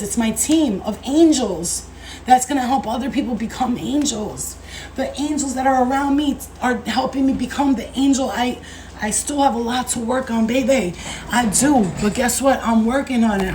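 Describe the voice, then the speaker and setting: A woman in her thirties chats on a casual livestream, her voice sitting a little high. She is animated and slangy, swears freely, and keeps calling her viewers babe and baby. Faint noise hums behind her. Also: poor audio. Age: 30s. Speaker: spiritual coach and livestream host.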